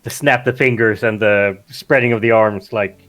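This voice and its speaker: A man's voice: lowish voice, steady tone, moderate pace, fairly bright tone. A man speaking in character in a tabletop role-play game and narrating his character's actions, with many restarts and fillers.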